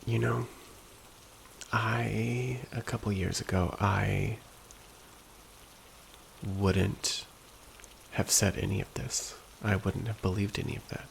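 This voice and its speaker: A man speaking in a slow, soft, hushed and gentle ASMR pep talk style, at times whispery. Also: little pitch movement, slight background noise. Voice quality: low, very creaky. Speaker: ASMR host.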